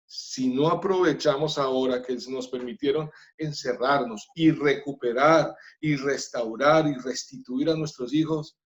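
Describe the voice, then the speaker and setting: A man's voice: mid-range voice, unhurried, hardly any pauses, dull audio. A man from Colombia, a pastor, speaking earnestly about family in a church workshop talk, with light laughs.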